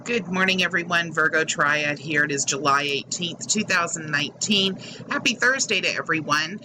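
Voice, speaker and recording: Speaking at a moderate pace in a deep voice, a woman talks casually to her subscribers as a YouTube commentary host. Her sound is tinny, hollow, and metallic from a faulty mic, with a whirring fan behind her.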